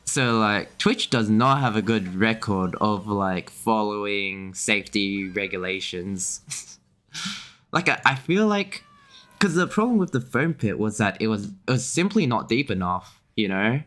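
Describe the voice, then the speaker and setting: A man's voice: fairly low pitch, sing-song, unhurried, fairly bright tone. A young man streaming a game, chatting casually and rambling with lots of fillers, restarts and little chuckles. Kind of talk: casual chat while gaming.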